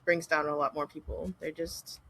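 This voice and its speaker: A woman's voice: low voice, fairly even intonation, normal speed, gravelly, a bit bright, low-quality recording. A woman in a casual group conversation, speaking in a wry, thoughtful way. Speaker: medium in group session.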